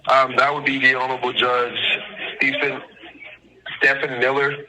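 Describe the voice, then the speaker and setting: A man's sharp, medium-pitched voice stays fairly flat in pitch at a moderate pace as he poses as an official on a phone call. His legal language is formal and insistent, he calls the listener ma'am, and the line has faint noise.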